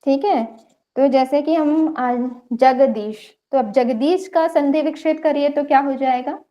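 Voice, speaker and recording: Checking in frequently with students, a young yoga lecturer goes through online theory step by step. She speaks a little slowly in a high voice, captured with lo-fi sound.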